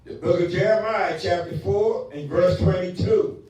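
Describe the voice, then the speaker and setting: A man reading scripture aloud to a class, slow and deliberate. His voice is high for a man and sounds distant, with heavy echo around it. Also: steady tone, darkish tone. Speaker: scripture reader. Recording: echoey room from far off.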